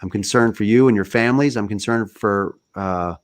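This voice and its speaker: A man's voice: on the low side, normal speed. A man hosting a podcast in an earnest, serious way, his voice dropping out and cutting in and out over a bad internet connection. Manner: earnest, repeats himself, restarts words. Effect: audio dropping out over a bad internet connection. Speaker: podcast host. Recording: choppy internet call audio with dropouts.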